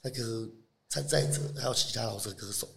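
Taiwanese-accented man, fast, animated storytelling, laughs a lot, echoey room. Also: medium pitch, gravelly. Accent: Taiwanese Mandarin. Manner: animated, laughs often, slips into Taiwanese swearing. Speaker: podcast guest. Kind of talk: casual storytelling chat.

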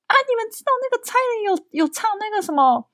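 A woman with a Taiwanese Mandarin accent voicing a blunt, tactless old grandmother who blurts things out loudly and fumbles for words. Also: mid-range voice, expressive, no echo, studio quality, natural voice. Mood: loud blurting. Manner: loud, halting, searching for words.

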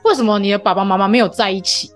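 A woman, hosting a casual podcast chat and telling family stories with animated voices. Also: medium pitch, very fast, no room sound, faint music behind. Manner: animated storytelling, acts out her child's questions. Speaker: podcast host.

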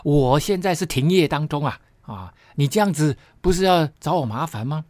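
A woman's voice: deep voice, lively intonation, normal speed, a little mellow, no echo, voice pushed up. A man voicing a frightened woman spirit medium who stammers in alarm as he reads the scripture story aloud. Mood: protesting.

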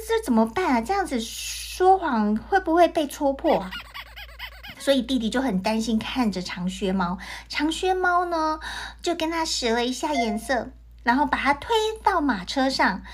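A woman telling a children's story in an animated, sing-song way, talking to the kids. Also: high-pitched, moderate pace, breathy edge.

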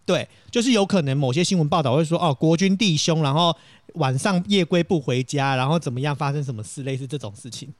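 A young man with a Taiwanese Mandarin accent telling a story in casual chat, animated and self-dramatizing, laughing as he goes. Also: fairly high pitch, quick pace, no echo.

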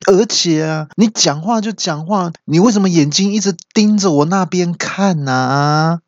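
A startled young man yelps out whiny protests in a high voice, as a male podcaster plays him. The recording is dull and dry. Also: a little slow, dry recording. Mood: protesting.

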